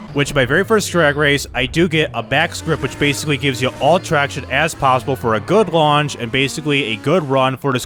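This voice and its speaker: A man's voice: medium pitch, a bit bright, a little hiss or hum. A man casually commenting over a racing game, rambling with joking asides. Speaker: gameplay commentator.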